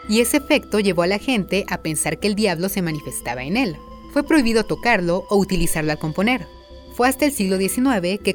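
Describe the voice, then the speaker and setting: A woman presenting a music appreciation lesson, explaining film music clearly and addressing her viewers directly. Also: mid-range voice. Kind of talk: scripted educational narration.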